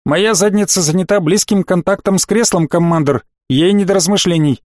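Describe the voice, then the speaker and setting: A man's voice: sits high, fairly quick, a little mellow, no echo, studio quality, natural voice. A man reading the part of a cheeky young male pilot cadet with a cocky, mock-formal way of talking.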